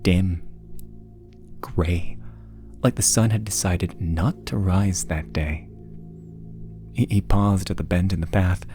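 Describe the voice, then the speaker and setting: Slow, low-voiced man narrating horror. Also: soft background music. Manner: hushed, measured delivery with dramatic pauses. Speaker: narrator of scary stories. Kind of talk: scripted horror story narration.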